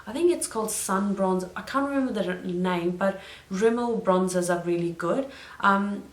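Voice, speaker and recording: A young woman chatting through a makeup tutorial, drifting into side stories and correcting herself as she goes. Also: mid-range voice. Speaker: beauty vlogger. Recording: roomy echo.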